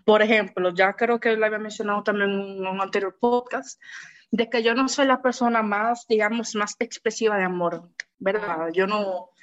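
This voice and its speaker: A woman's voice: medium pitch, steady tone, moderate pace, lo-fi sound. A woman, chatting frankly as a podcast co-host and acting out quoted voices. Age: 20s. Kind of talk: casual podcast chat.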